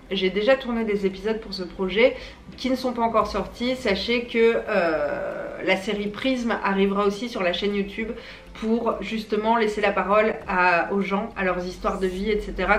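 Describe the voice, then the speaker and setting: Young woman w braces, slangy chatty vlog talk, echoey room w a bit of noise. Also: mid-range voice. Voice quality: speaks with dental braces. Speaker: YouTuber and small business owner. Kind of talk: casual unscripted chat to viewers.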